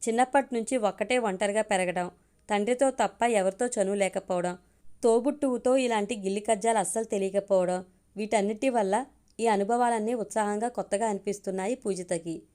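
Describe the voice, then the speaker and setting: Woman reading a love story aloud, mid voice, calm storytelling. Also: medium pitch, fairly quick. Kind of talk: scripted audio story narration.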